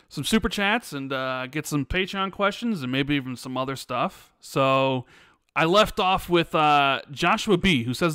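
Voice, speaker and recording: A man's voice: a little high, clean tone, dry recording, clean studio sound. A man hosting a gaming podcast, chatting casually and reading out viewer questions. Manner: relaxed, thinking aloud with fillers. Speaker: podcast host. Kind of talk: casual podcast chat, reading super chats.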